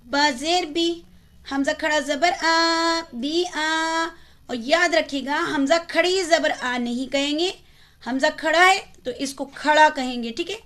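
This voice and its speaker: A woman teaching Quran reading step by step, spelling out letters and vowel marks, then slowly stretching the syllables, and asking questions that she answers herself. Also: high voice, a bit bright. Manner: asks the listener questions and answers them herself. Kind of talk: step-by-step recitation lesson.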